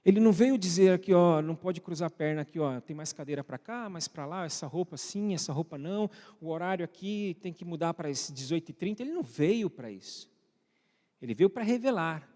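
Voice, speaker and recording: Here a pastor with a Brazilian accent preaches in a chatty style, asking the congregation many questions and reaching out to viewers at home. His mellow voice is on the high side, brisk and lively in intonation. The church hall gives a long reverb.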